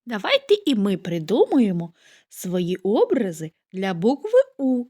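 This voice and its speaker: A woman teaches a reading lesson to preschool children, her voice gentle and unhurried. Her pitch swoops up and down in a lively, sing-song way as she stretches out the vowels for them to copy. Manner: gentle, addresses children warmly, draws out vowel sounds. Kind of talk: scripted literacy lesson for young children.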